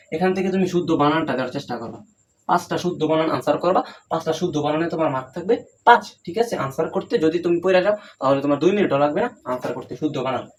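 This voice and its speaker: A man's voice: a little high, poor audio. A young man tutoring students for an exam, racing through his points at a breakneck clip in a slightly raised voice. He keeps checking that his listeners follow along. A faint hiss of room noise sits under the recording. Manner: rapid, coaching, repeats "ঠিক আছে?" to check in. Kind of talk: exam-prep lesson.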